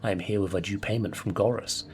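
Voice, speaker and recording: A man's voice: on the low side, steady tone, fast talker, a little mellow, voice pushed down, lightly acted. A man voicing a doomed male mercenary, solemnly reading his farewell letter aloud in a put-on accent. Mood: grave, desperate.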